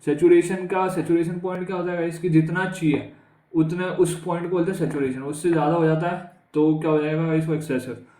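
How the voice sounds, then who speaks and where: A man with an Indian accent teaches exam vocabulary in a fairly high, dark-toned voice, speaking fairly quickly with little pitch movement. He is conversational, repeating his questions to students and using "guys" often. The audio is poor, with an echoey room.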